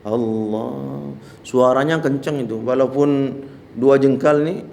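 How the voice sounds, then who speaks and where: A man's voice: mid-range voice, normal speed, a little mellow, roomy sound, slight background noise. A male Islamic teacher giving a religious lesson on prayer, explaining plainly and breaking into chanted demonstrations. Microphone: handheld mic.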